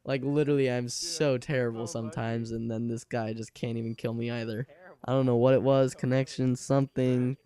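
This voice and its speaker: A gaming channel host in his late teens chats casually over gameplay, alone at home by his computer, rambling and laughing often. His medium-pitched voice is level and dark, and he talks fairly quickly.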